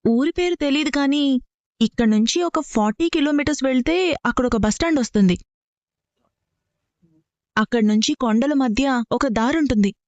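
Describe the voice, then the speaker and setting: A woman's voice: high voice, dry recording, lo-fi sound. An actress playing a cool, guarded young woman who answers evasively. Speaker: actor in a TV serial. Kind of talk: TV serial acting.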